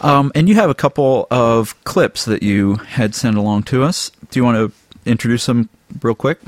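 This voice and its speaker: A man's voice: medium pitch, moderate pace, no echo. A man hosting a casual podcast interview, asking questions in an easygoing way with plenty of filler words. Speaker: podcast host.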